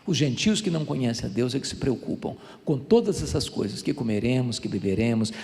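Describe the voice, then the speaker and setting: A man in his sixties with a Brazilian accent, preaching a sermon in a church with animated storytelling and emphatic, building delivery. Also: mid-range voice, brisk, gravelly. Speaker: pastor. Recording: long church reverb.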